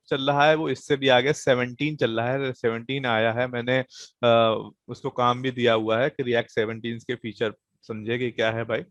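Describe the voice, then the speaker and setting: A man with a medium-pitched voice, recorded with no echo, teaches an online programming class. He explains things casually, with lots of fillers and frequent "thik hai" check-ins with his students.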